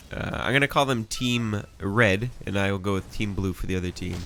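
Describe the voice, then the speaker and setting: A man's voice: on the low side, moderate pace, a bit bright, slight background noise. A man with a stuffy nose giving casual, rambling live commentary on a video game match. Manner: rambling, chatty asides.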